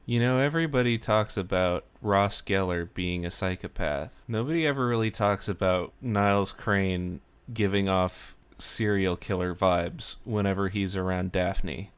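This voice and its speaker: Smooth low-voiced man, chatty recap. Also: unhurried, hardly any pauses. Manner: chatty and wry, with frequent "like" fillers. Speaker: vlogger recapping a sitcom. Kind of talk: casual spoken recap.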